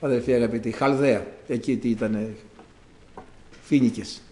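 A man's voice: medium pitch, fairly even intonation, warm tone, reverberant, slight background noise. A male preacher giving a sermon, telling stories dramatically and acting out the quotes. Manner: dramatic storytelling with acted-out quotes.

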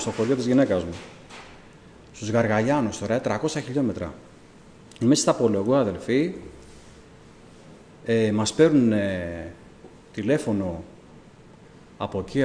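A man gives church testimony as a deacon, telling his story with a lively, swinging voice and acting out the conversations. His voice carries with a long reverb, as in a church hall. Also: medium pitch, slight background noise. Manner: animated storytelling, acting out dialogue.

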